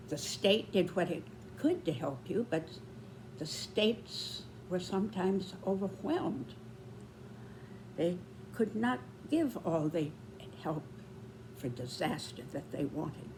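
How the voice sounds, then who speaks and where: A woman in her nineties giving reflective spoken commentary, with deliberate, measured phrasing and pauses. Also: on the low side, background noise. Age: 90s.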